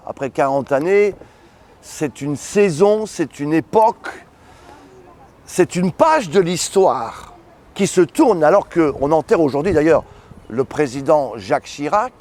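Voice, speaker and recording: A man's voice: a little high, sing-song, a little slow, a little mellow. A middle-aged man from France, a bishop giving emphatic, repetitive preacher-style commentary in an interview.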